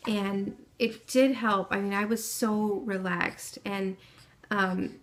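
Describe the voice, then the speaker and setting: A young woman telling the story of her baby's home birth in a casual, soft-spoken way, with many pauses and fillers. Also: mid-range voice, fairly even intonation.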